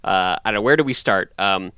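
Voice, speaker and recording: Low gravelly-voiced male podcast host. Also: a little fast, sharp tone, dry recording, clean studio sound. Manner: rambling, many ums and restarts. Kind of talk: casual chat.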